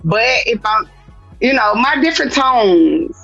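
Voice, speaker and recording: A woman's voice: a little high, expressive, a little slow, gravelly, a bit bright. Woman cohost, sarcastic and playful, acts out her own lines, kinda muffled lo-fi audio, faint music. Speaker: podcast co-host. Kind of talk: casual chat. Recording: dull lo-fi sound with faint music.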